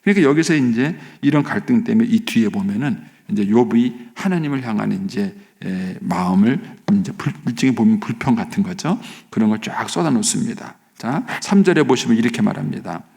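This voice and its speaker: A man's voice: lowish voice, expressive, brisk, vocal fry, hardly any pauses, darkish tone, long reverb tail. A man preaching an early morning sermon in a church as pastor, voicing pleading complaints to God as he explains the text.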